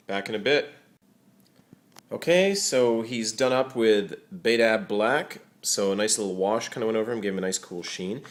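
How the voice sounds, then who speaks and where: A young man giving a casual hobby painting tutorial, talking loosely with lots of "uh" and "you know". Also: medium pitch. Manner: relaxed, many fillers like uh and you know. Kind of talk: casual how-to demonstration.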